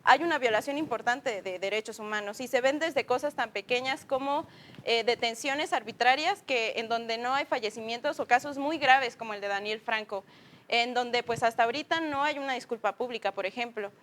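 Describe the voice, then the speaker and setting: A woman's voice: on the high side, moderate pace, a bit bright. A woman with a Mexican accent speaking as a guest on a TV panel, earnest and thorough, with many fillers. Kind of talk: panel discussion.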